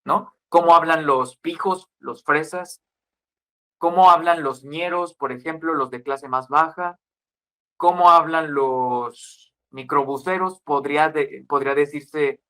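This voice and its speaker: Bright-voiced young Mexican man explaining. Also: a little high, slow pace. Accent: Mexican, Guadalajara. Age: 20s. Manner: lecturing, lists examples, frequent tag questions. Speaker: podcast guest explaining language. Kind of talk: casual explanatory chat.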